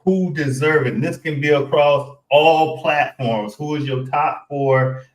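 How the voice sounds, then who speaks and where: A man's voice: on the high side, measured pace. A man hosting a casual podcast chat, laid-back and often restarting his words. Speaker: podcast host. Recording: roomy echo.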